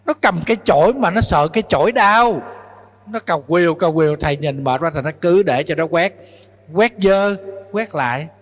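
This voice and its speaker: High-voiced monk preaching in echoing hall. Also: male voice, normal speed. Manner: scolding, preacher-like, full of rhetorical questions. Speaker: Buddhist monk teacher. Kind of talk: dharma talk to young followers.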